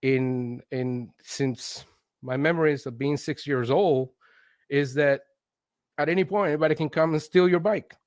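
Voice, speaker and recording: With a fairly high pitch and a slightly slow delivery, this Venezuelan man in his late 40s shares personal stories as an interview guest. He consults on instructional design, speaks Spanish, quotes himself with animation, and repeatedly checks in with "right?". The sound is dry.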